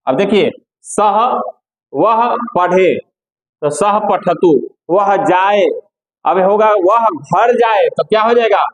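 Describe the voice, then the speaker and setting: A man teaching a classroom lesson, slow and patient, repeating each step for his students. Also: sits high, low-quality recording.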